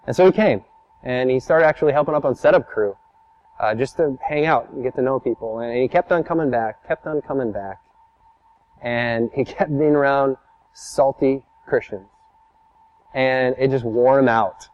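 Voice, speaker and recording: A man's voice: medium pitch, moderate pace, muffled recording. A man preaching a sermon as a pastor, telling stories in a conversational, emphatic way.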